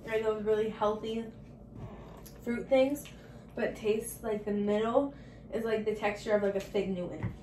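A woman casually tasting snacks with a friend, talking in a relaxed, hesitant way. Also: medium pitch, moderate pace, long pauses, a little hiss or hum. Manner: relaxed, hesitant, plenty of likes. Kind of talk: casual unboxing taste test. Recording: echoey room, mic far off.

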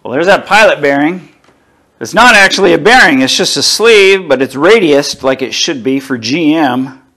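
A middle-aged man slowly unboxing and inspecting car parts in his home garage, talking casually to a camera a few feet away. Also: a little high, expressive, pushed and bright. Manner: slow, easygoing, talks while handling parts. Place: home garage workshop, indoors.

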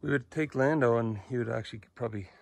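A man's voice: mid-range voice, quick pace, vocal fry, dry recording. A man in his forties vlogging to a phone at arm's length outdoors in the woods, rambling with restarts and sounding frustrated. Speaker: family travel vlogger. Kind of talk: casual vlog talk to camera. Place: outdoors on a forest road and woods. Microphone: phone held at arm's length. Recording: noisy outdoor recording.

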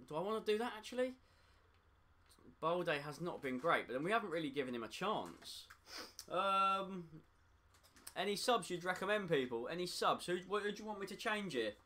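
Young male streamer, slightly high and bright, excitable live play-by-play, quick to frustration. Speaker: gaming streamer. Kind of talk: live gameplay commentary.

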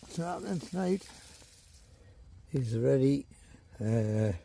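Out by the river at night, a man with a Teesside accent keeps up an easygoing, colloquial vlog chat about angling, captured on a phone or camera mic. His medium-pitched voice has a dark tone, vocal fry and lively intonation, and he speaks slowly against slight background noise.

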